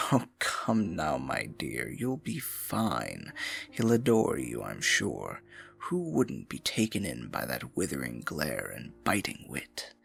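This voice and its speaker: In an intimate, theatrical fantasy ASMR roleplay, a male voice actor plays a smooth-talking, scheming royal advisor who feigns sympathy. His full character voice is gravelly, slow and highly animated, silky and condescending, often sinking to a murmur in a teasing, patronizing mood over soft music.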